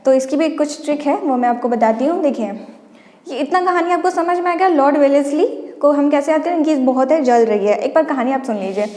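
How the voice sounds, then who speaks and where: A woman with a high, warm voice teaches an exam-prep lesson at a brisk pace, explaining a memory trick step by step. She often says "dekhiye" to get students to look, and the room is echoey with long reverb.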